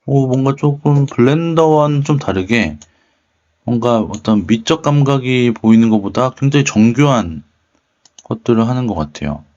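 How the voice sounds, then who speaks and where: The recording, made on a dull, lo-fi mic, features a tech video channel host at normal speed, his medium-pitched voice expressive and darkish in tone. During a demo he casually thinks aloud about his screen, tentative and musing, murmuring to himself.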